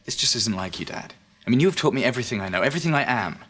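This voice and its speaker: An actor playing a hot-headed adult son who talks in an agitated, sarcastic, confrontational way. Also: male voice, mid-range voice, animated, racing, fairly bright tone. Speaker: son in family business. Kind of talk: soap opera acting.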